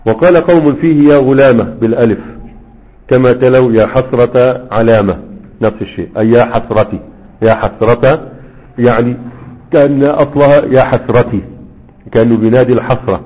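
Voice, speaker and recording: A man's voice: mid-range voice, fairly quick, breathy edge. A man with an Egyptian accent teaching grammar, reciting verses and quizzing listeners with rhetorical questions. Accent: Egyptian Arabic. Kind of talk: recitation and explanation lesson. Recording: tinny phone-like sound.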